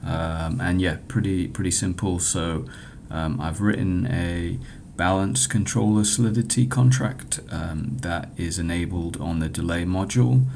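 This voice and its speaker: A man giving an informal software demo walkthrough as a developer, speaking in a hesitant, halting way with frequent stumbles. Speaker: hackathon developer presenting own project. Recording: clear background noise with low rumble.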